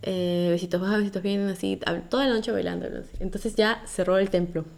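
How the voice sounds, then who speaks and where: A woman's voice: fairly quick, vocal fry. A young Peruvian woman with a Peruvian accent, casually telling a personal story and acting out the quoted lines with a rising voice. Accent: Peruvian Spanish. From Peru. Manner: lively, acts out quoted lines with rising pitch. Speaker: podcast storyteller.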